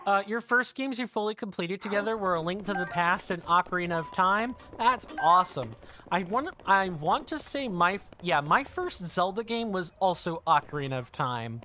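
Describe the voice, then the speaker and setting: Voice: mid-range voice, lively intonation, moderate pace, pushed and bright, a little hiss or hum. A streamer in their thirties from the United States, chatting casually while playing a game and rambling, correcting themselves and musing aloud. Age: 30s. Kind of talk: casual let's-play chat.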